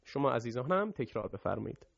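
A man teaching Quran recitation rules, explaining quickly between slow, chanted examples for students to repeat. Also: medium pitch, big pitch swings, creaky, no room sound. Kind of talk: recorded tajwid lesson with recited examples. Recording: dull lo-fi sound.

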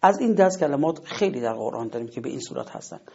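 A man's voice: medium pitch, expressive, darkish tone, slightly rough. A man teaching word stress in a spoken lesson, explaining patiently step by step and saying example words aloud. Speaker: Quran recitation teacher. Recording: dull lo-fi recording.

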